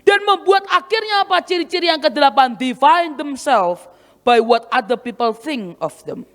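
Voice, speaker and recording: Female preacher, high and lively, exclaiming often; sermon with hall reverb. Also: moderate pace, faint music behind. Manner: animated storytelling with exclamations.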